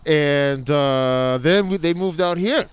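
A middle-aged American man speaks through a face mask that slightly muffles him. His voice sits a bit high and stays resonant. He tells stories in a casual, slangy, emphatic way, as a guest in an interview. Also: slow pace, clear, resonant tone, no room sound. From US East Coast. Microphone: speaking through a face mask into an interview microphone.

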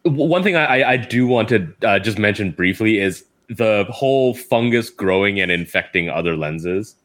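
A man's voice: on the low side, lively intonation, moderate pace, fairly bright tone. A man hosting a casual discussion in a conversational way.

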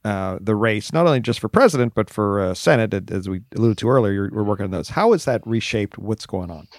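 A male interviewer who asks halting, wry questions full of restarts. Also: fairly low pitch, lively intonation, no echo, clean studio sound.

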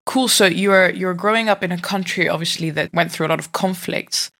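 A woman hosts a podcast interview and opens each question with upbeat energy. Her fairly low voice has a gravelly texture. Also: fairly quick, fairly bright tone. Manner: upbeat, asks questions with restarts. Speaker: podcast host.

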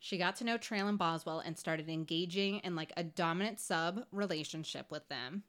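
A woman's voice: on the low side, moderate pace, fairly bright tone. A woman hosting a podcast, casually recounting a criminal case with frequent "like" and wry asides. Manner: conversational, fillers like "like", wry asides. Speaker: podcast host. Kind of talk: true-crime podcast narration.

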